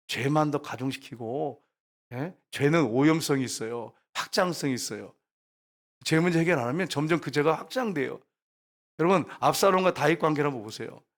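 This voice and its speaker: A man's voice: a little high, a bit bright. A man preaching a sermon as pastor, putting rhetorical questions to the congregation.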